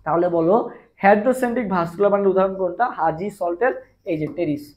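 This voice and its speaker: A man's voice: sits high, fast, highs cut off. A young man from Bangladesh teaching a live online biology revision class, repeating questions and answers and asking viewers to comment.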